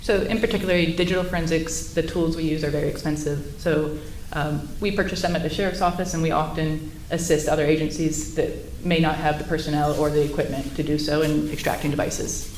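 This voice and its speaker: In an echoey indoor courtroom with faint noise, a woman who is a sheriff's intelligence commander gives expert-witness testimony in procedural language. Her low, darkish voice stays fairly even in intonation, and she talks fairly quickly with few pauses.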